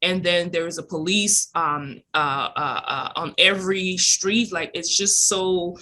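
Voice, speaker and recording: A woman from Cameroon, a podcast guest, telling her business travels in an animated, emphatic conversational way. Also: on the low side, measured pace, a little hiss or hum. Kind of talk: conversational interview.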